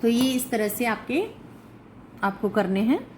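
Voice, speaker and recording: A woman's voice: on the high side, very animated, a little slow, a little mellow, slight background noise, poor audio. A woman teacher giving a recorded lesson, reading each phrase aloud and then translating and explaining it. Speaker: Sanskrit teacher.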